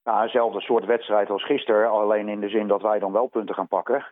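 Male sports coach, deep voice, colloquial and hesitant interview answers, thin band-limited radio line. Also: steady tone, no room sound, phone-quality sound. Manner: hesitant, halting, colloquial speech with repeated words. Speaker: volleyball coach. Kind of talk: radio interview, unscripted analysis.

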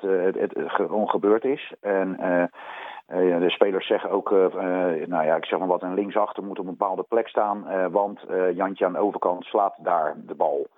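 Very deep-voiced man, halting coach talk. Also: no room sound, narrow, tinny audio. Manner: hesitant, halting, colloquial speech with repeated words. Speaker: volleyball coach. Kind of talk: radio interview, unscripted analysis.

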